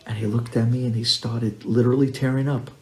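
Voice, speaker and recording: A rabbi telling a story in a vivid way that swings from hushed to loud. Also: male voice, medium pitch, level tone, a little fast. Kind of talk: animated storytelling. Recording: roomy echo.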